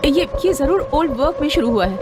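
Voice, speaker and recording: A woman's voice: high voice, lively intonation, a little fast, over loud music. A woman playing a tense mine control operator. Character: female mine control operator reporting a crisis. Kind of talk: dubbed film acting.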